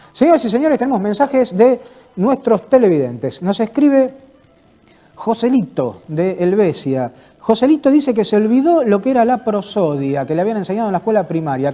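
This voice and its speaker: Animated man hosting a talk. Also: fairly high pitch. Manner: playful mock-announcer tone, frequent hesitations and fillers. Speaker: host. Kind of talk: informal cultural talk answering viewer questions.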